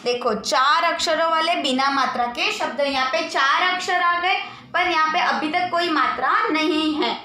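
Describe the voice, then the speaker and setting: A woman's voice: high voice, normal speed, bright, forceful tone, roomy sound. A woman teaching a Hindi lesson to young children, patiently spelling out letters one by one and asking the class questions, with a sing-song lilt at the ends of phrases. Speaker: primary school teacher.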